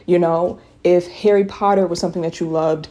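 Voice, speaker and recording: Earnest young woman, low voice. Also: steady tone, brisk, dark tone, highs cut off. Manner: earnest and encouraging, with fillers like "you know" and "like". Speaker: YouTuber. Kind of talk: casual talk to camera with a voiceover.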